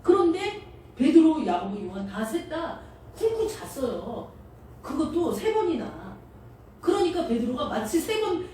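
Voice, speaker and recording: A woman's voice: a little high, warm tone. A woman preaching a sermon in a conversational, storytelling manner, acting out quotes as she goes. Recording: echoey hall, distant mic, faint noise.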